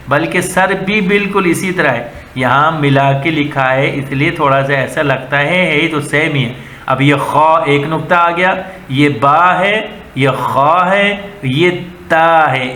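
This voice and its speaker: A man with a Pakistani accent teaching letter-by-letter Quran reading, slow and patient, repeating each sound as a drill. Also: on the high side, bright, forceful tone. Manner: patient, repetitive, drills letters one at a time. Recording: echoey room with faint ambient noise.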